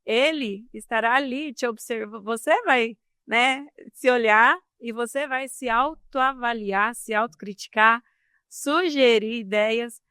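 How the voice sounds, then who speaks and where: Woman, podcast guest, expressive and emphatic, smooth and clear, dry close sound. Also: a little high, measured pace, no room sound. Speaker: podcast guest, communication specialist. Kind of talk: casual conversational podcast.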